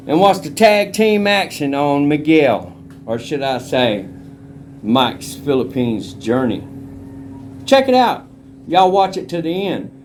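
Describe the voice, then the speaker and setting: Defiant man vlogging with lively pitch. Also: slight background noise. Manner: defiant, rambling, talks with a cigar in his mouth. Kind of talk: casual walking vlog tour. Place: outdoors at a rural family home. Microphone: handheld camera.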